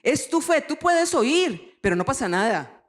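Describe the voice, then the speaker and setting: A woman pastor preaching a lively sermon, acting out quoted voices and asking the congregation questions. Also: high-pitched, unhurried, in a large hall.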